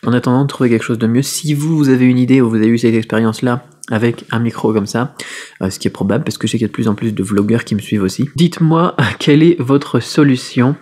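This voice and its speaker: A man's voice: mid-range voice, quick pace, darkish tone. A man from France vlogging casually to camera in his apartment, chatty and full of fillers and self-corrections, recorded on a camera-mounted mic. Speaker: vlogger and Chinese teacher. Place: apartment during a power cut. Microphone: camera-mounted shotgun mic.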